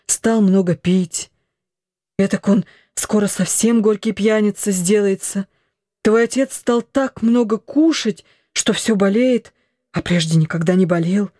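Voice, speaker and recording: A woman reading an audiobook, voicing a weary old noble mother who slowly laments her family's troubles. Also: medium pitch, dark tone, no echo, clean studio sound. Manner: mournful, slow complaining.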